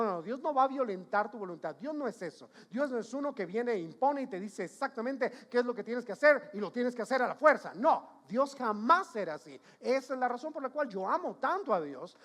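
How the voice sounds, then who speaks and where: A man's voice: extremely high pitch, a bit bright. A man preaching a sermon as pastor, emphatic, repeating his points and questioning the congregation.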